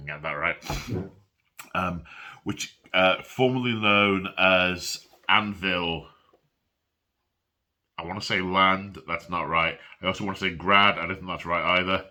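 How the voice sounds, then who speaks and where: A man's voice: low voice, unhurried, long pauses, pushed and bright. A man hosting a casual hobby unboxing vlog while he has a cold and coughs. He rambles and restarts with self-deprecating asides, recorded on a phone. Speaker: miniature wargaming hobby channel host. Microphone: phone camera.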